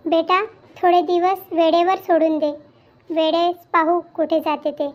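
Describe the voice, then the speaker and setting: A woman voicing an aging widowed mother in a cartoon, gentle and comforting. She talks in a soothing, motherly way. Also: very high voice, little pitch movement, measured pace. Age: older. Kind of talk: Marathi cartoon voice acting. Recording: dull lo-fi with faint background music.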